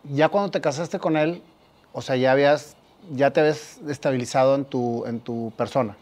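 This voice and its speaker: A man's voice: medium pitch, moderate pace, darkish tone. A man hosting a casual interview, asking short questions and responding with affirming interjections. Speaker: interview host.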